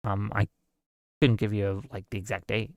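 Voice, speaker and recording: Hosting a livestream, this man in his forties talks politics in a relaxed, conversational way, working through live chat questions and thinking out loud. He speaks at a normal speed in a lowish, level voice. The recording is dry and studio quality.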